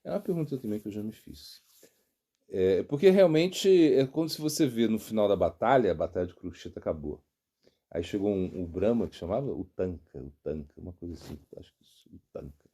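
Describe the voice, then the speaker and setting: Brazilian man, middle-aged monk; lively pitch, mellow tone, unhurried sermon storytelling. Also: breathy edge. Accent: Brazilian Portuguese. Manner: unhurried storytelling, searching aloud for words. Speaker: monk and spiritual teacher. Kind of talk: devotional sermon.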